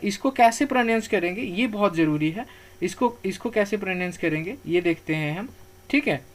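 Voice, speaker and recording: A man teaching grammar terms on slides. He repeats key words slowly for pronunciation, asks questions and answers them himself, and tells learners not to worry. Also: sits high.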